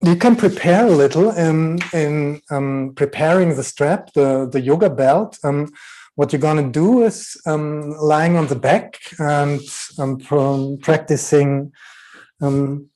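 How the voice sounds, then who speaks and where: A German man speaking English with a German accent, introducing a yoga sequence with many pauses and fillers. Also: a little high, warm tone, rough recording. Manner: slow, halting, many fillers. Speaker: yoga teacher. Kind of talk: online yoga session introduction.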